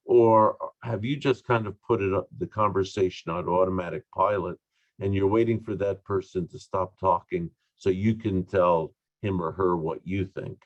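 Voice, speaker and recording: A man giving an online training talk on communication, deliberate and emphatic, with asides and fillers, recorded over a video call. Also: deep voice, steady tone, a little mellow, no echo, muffled recording.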